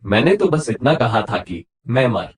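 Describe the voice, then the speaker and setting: A man voicing an affectionate young husband who teases and softly coaxes his wife in an audiobook romance. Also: medium pitch, sing-song, normal speed, slightly rough. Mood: coaxing. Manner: soft, coaxing apologies.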